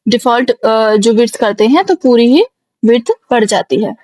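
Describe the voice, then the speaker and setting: A woman teaching a screen-recorded software tutorial, explaining each step slowly and repeating herself as she goes. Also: fairly high pitch, lively intonation, no echo. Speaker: computer teacher.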